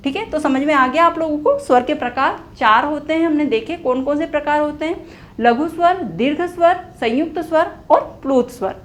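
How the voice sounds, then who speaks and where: A woman's voice: high-pitched, brisk. A young woman teaching Hindi grammar, repeating key phrases and asking and answering her own questions. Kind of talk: whiteboard lesson explaining grammar.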